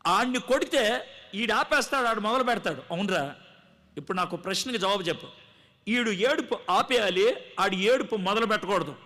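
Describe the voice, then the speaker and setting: A man's voice: high voice, lively intonation, moderate pace, pushed and bright. A man preaching a testimony sermon to a live gathering, telling his story dramatically and acting out the dialogue. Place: live gathering before a congregation.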